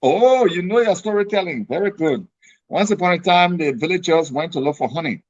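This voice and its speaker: Male colloquial storyteller, Liberian accent, higher-than-average pitch, repetitive emphatic phrasing, lo-fi call audio. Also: expressive, brisk, darkish tone. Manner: colloquial Liberian English, exclamatory, repeats phrases for effect. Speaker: storyteller and author. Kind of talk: animated colloquial storytelling and casual chat.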